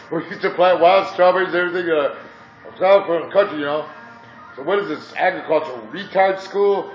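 A rambling, crude man in his fifties from Indiana drifts from story to story with chuckles in between, his voice pitched fairly high. He is heard from across a very echoey coffee shop on a dull, muffled recording. Faint music plays behind him. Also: steady tone, fairly quick, far from the mic. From Indiana, USA. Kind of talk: rambling monologue.

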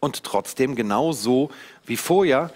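A man in his thirties giving a persuasive, emphatic live sales pitch as a teleshopping presenter in a TV studio. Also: lively intonation, measured pace, a little mellow. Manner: emphatic, persuasive, repetitive phrasing. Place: TV studio set. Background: background music.

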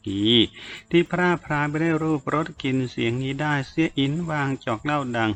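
A man narrating a novel in a steady, measured storytelling voice. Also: fairly high pitch, clear, resonant tone. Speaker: audiobook narrator. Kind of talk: novel reading.

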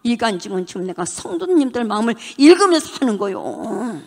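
An older woman delivers a passionate church testimony and voices the people in her story with dramatic shifts. Her voice rings out in a long, echoing sanctuary reverb, punctuated by shouted hallelujahs. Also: on the high side, very animated, brisk, husky. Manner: fervent preaching with shouted hallelujahs; acts out quoted dialogue in dramatic voices. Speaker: church deaconess giving testimony. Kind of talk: testimony sermon.

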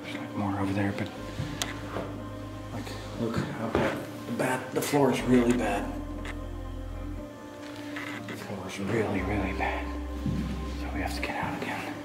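A middle-aged non-native English speaker hosts an urban exploration video, walking through a large abandoned house with a handheld camera mic. His fairly low, steady voice comes out haltingly as he thinks aloud, sometimes dropping to a hushed whisper. The empty rooms echo, and music plays underneath his casual commentary.

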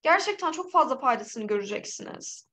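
A woman from Turkey teaching a live online English exam-prep lesson, lively and encouraging, with a slightly hoarse voice. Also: high-pitched, fairly quick, low-quality recording. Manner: lively, encouraging, reads out student names.

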